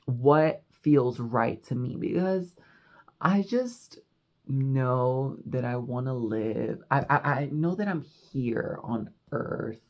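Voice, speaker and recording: Vlogger, unhurried delivery, gravelly fry, rambling confessional chat, lots of "like". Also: medium pitch, lively intonation. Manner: rambling and confessional, heavy use of "like" and "you know". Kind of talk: casual reflective monologue. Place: house in Mexico.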